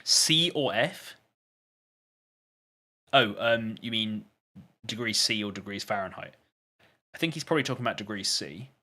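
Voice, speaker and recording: A man's voice: fairly low pitch, animated, moderate pace, long pauses, bright, forceful tone. A man chatting casually on a live stream, reading out and answering viewer questions. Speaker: gaming streamer.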